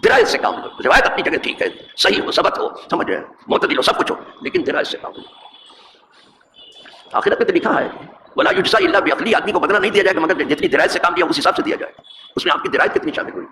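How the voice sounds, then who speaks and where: A middle-aged man, a mosque imam, giving a hadith lesson with animated rhetorical questions and recited verse. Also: high voice. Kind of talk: religious lesson talk. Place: mosque hall. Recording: echoey hall with background noise.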